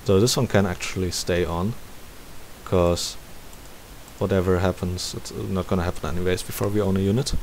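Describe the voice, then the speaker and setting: This tutorial presenter has a voice that sits low and moves at a normal speed. He walks through a game in a relaxed screen recording, reasoning out loud step by step while a constant hiss hums in the background.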